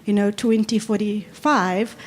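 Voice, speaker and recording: A woman's voice: mid-range voice, steady tone, unhurried. Friendly woman from South Africa asking questions. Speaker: audience questioner.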